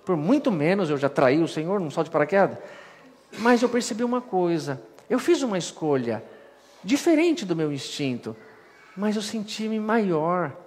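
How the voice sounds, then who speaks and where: Animated Brazilian man telling a story. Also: high voice, normal speed. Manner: animated, acts out dialogue. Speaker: spiritist lecturer. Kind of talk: storytelling sermon. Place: spiritist center hall. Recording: hall with long reverb.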